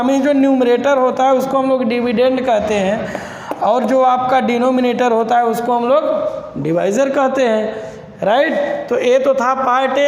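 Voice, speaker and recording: High-pitched man teaching maths, echoey room. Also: vocal fry. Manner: explains step by step, repeats key terms as questions to students; calls students "beta". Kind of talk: classroom maths lesson. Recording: echoey room with faint background noise.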